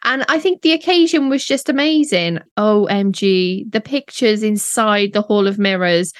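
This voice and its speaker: A woman's voice: medium pitch, normal speed, dry recording, clean studio sound. A woman co-hosting a chat podcast, enthusiastic and gushing. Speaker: podcast co-host. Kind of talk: casual chat.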